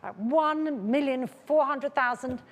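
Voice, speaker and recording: A woman with a fairly high voice runs a live auction in a large, reverberant room. She calls and repeats bid figures with polite, controlled insistence, keeping steady command of the sale. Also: slow pace.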